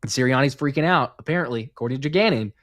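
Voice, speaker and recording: A man's voice: mid-range voice, fast, fairly bright tone, no room sound, clean studio sound. A man co-hosting a casual sports talk show, rambling with many restarts and acting out what coaches might say. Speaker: podcast co-host.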